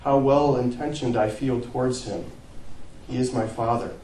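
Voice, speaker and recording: A man's voice: mid-range voice, steady tone, normal speed, far from the mic, slight background noise. Earnest preaching man in echoey church. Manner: earnest preaching, rising to emphatic peaks and dropping to quiet phrase ends. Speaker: pastor. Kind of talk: sermon. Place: church sanctuary.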